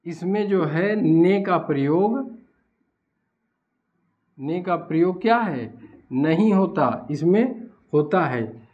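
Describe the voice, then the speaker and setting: A man's voice: sits high, animated, slow, pauses often. A man teaching a Hindi class at a board, who asks questions and then answers them himself. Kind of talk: blackboard lecture. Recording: dull lo-fi recording.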